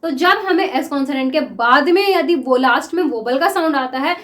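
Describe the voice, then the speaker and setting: A high-pitched woman gives a classroom lesson, drawing out example words as she writes them and checking in with her students again and again. The room rings with a noticeable echo. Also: lively intonation, a bit bright. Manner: repeats words slowly while writing, asks 'clear?' often. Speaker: shorthand teacher.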